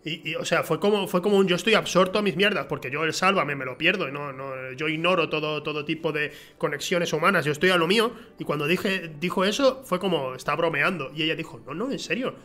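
A man's voice: on the high side, fast talker, hardly any pauses, soft background music. A young man with a Spanish accent, co-hosting a stream and telling a story with lots of laughter. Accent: Spain Spanish. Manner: animated storyteller, laughs often, acts out quoted voices. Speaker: co-host. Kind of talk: casual chat. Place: streaming studio.

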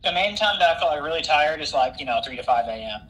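A man's voice: fairly high pitch, lively intonation, quick pace, fairly bright tone, slight background noise, low-quality recording. Young father on a phone speaker. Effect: heard over a phone speaker. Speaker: new father calling in. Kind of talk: casual phone chat. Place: at home at the dinner table.

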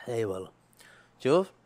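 A man's voice: mid-range voice, big pitch swings, a little slow. A young man, chatting casually as a podcaster in a rambling, self-mocking way, with slang and swearing. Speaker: YouTube podcaster. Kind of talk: casual chat.

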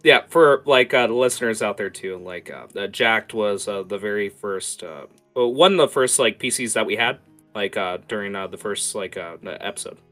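A man working as game master, improvising narration for a tabletop game in a casual, halting way and prompting players. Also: on the low side, pushed and bright. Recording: music playing behind.

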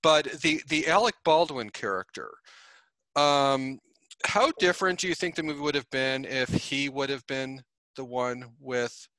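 Man, podcast host, film commentary chat, stop-start delivery, bright tone, close dry sound. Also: mid-range voice, no echo. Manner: halting, many repeated words and restarts.

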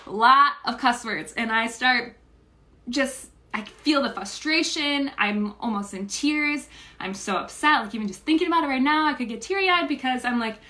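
A young woman teaching a recorded manifesting lesson, telling a personal story with lively exclamations. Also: on the high side. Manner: animated storytelling, exclaims when reliving moments.

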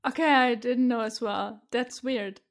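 A woman with a German accent, a native German speaker, chatting as an interview guest, cheerful and quick to laugh, often restarting her sentences. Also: a little high, fairly even intonation. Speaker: guest, community organizer. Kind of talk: casual interview chat.

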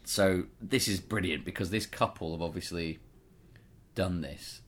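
A man's voice: sits low, unhurried, a bit bright, husky. A man co-hosting a podcast, chatting eagerly about horror stories, trailing off and quoting lines aloud. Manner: enthusiastic, trails off and restarts, quotes lines aloud. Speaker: podcast co-host. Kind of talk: casual chat about horror fiction.

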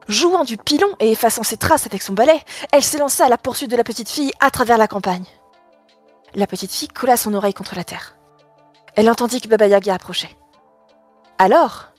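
A woman tells a fairy tale aloud with expressive storybook reading. She drops to a hush at tense moments. Her voice sits fairly high, dry and close, over faint music. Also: dry recording.

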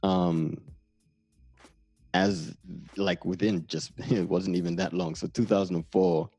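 A man's voice: low-pitched, steady tone, unhurried, darkish tone, husky, no echo, soft background music. A man in his thirties from Namibia with a Namibian accent, telling stories in a laid-back, rambling way during a casual conversation. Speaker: guest.

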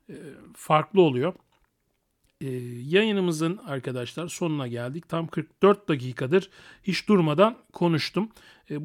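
Male podcast host, slightly high-pitched voice, improvised monologue, cocky and crude humour with frequent chuckling. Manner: crude, boastful, joking; chuckles often while talking. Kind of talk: unscripted solo podcast monologue.

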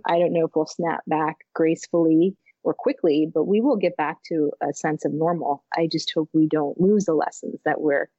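Husky low-voiced woman, thoughtful. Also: mellow, no echo, dull audio. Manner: thoughtful, halting, many fillers and restarts. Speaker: podcast co-host. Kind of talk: casual reflective chat.

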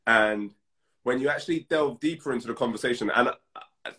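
A man's voice: mid-range voice, normal speed, bright, forceful tone. Emphatic man chiming in on podcast. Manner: emphatic, encouraging, backs up host with affirmations. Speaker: podcast guest. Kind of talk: casual podcast chat.

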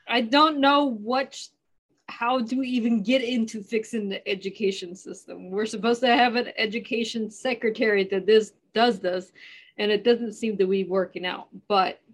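Higher-voiced woman as podcast host, chatty, quick to laugh. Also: fairly even intonation. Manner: chatty, self-deprecating, laughs easily. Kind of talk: casual interview talk.

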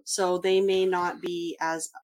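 A woman with a voice a little lower than most talks in a casual, conversational way. She explains things to companions as someone recounting a trip she took. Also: level tone, slow pace, a little mellow.

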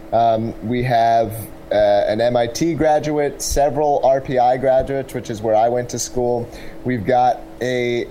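A man giving casual, explanatory interview answers as a tech startup representative, pausing to pick his words. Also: medium pitch, dark tone, slight background noise, rough recording.

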